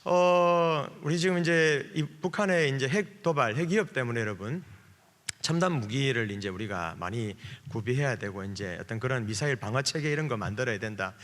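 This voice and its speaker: Busan-accented pastor preaching in a reverberant hall. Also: male voice, mid-range voice, lively intonation, moderate pace, fairly bright tone. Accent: Gyeongsang Korean. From Busan, South Korea. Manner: chatty and joking, with many fillers. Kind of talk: sermon at a revival service. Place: church sanctuary. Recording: long hall reverb from church PA.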